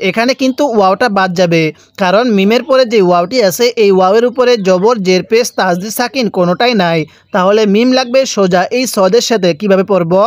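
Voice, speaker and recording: Male Quran reading teacher from Bangladesh, high voice, dry close mic, spelling drill with long drawn-out words. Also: no echo. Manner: spells letters and vowel marks slowly, then drawls the joined word; repeats the question "how will we read it?" as a refrain. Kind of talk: step-by-step recitation lesson.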